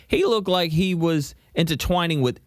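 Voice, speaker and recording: Animated New man, casual chat. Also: on the high side, normal speed, no echo, clean studio sound. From New Zealand. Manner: animated, swearing, frequent "you know what I mean". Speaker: podcast co-host.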